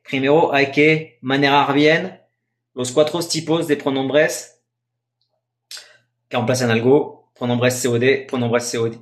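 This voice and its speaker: A man's voice: mid-range voice, roomy sound. A man teaching French in a live online grammar lesson, patiently repeating examples and checking in with his students. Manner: drawn-out French example phrases.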